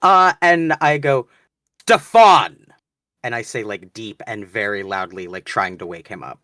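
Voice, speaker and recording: A woman's voice: very deep voice, moderate pace, bright, forceful tone, dry recording, clean studio sound. A woman chatting casually as a player in a tabletop role-playing game, describing what a character does.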